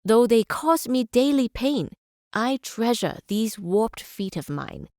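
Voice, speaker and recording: Measured, visionary chancellor-scientist, dry studio sound. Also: female voice, on the high side, very animated, a little mellow, dry recording, full character voice. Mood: reflective pride. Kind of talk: formal speeches and quotations in a strategy game.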